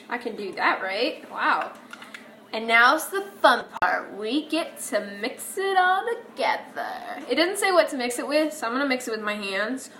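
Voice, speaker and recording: A woman's voice: on the high side, fairly bright tone, slight background noise. A young woman vlogging in her home kitchen, chatty and self-mocking, talking straight to her viewers as she cooks. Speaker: cooking vlogger. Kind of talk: casual cooking vlog.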